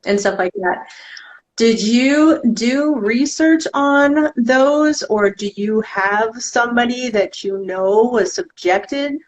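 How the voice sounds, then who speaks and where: Slow-spoken woman co-host. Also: on the high side, poor audio. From Ohio. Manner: unhurried, hesitant with ums. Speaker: co-host interviewer. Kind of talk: casual interview questions.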